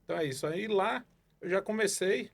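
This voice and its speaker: Animated and fairly quick, with a high voice and vocal fry, this car evaluation consultant from Salvador, Bahia, Brazil, tells his career story on a casual podcast. As a guest, he rambles, using many fillers and tag questions.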